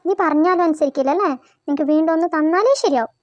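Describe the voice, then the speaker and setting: Woman voicing a bossy cartoon big sister, very high and sharp, dry close sound. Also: quick pace, dry recording, muffled recording, lightly acted. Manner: bossy, scolding. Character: bossy young woman, visiting older sister. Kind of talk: cartoon voice acting.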